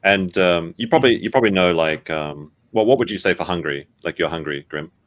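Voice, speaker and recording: A man's voice: low voice, fairly quick, fairly bright tone, dry recording. A man from Australia with an Australian accent, chatting casually in a group in a jokey, self-deprecating way.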